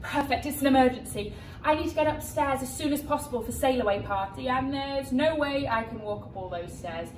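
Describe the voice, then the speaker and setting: Female cruise director, upbeat host with Northern English accent, high voice; echoey spaces, loud music behind. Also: a little fast, a little hiss or hum. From Yorkshire, England. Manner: upbeat cruise director delivery, cheery and enthusiastic. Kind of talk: presenting to camera and audience. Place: large cruise ship atrium, theatre stage, open port. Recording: echoey, distant mic, loud music and crowd.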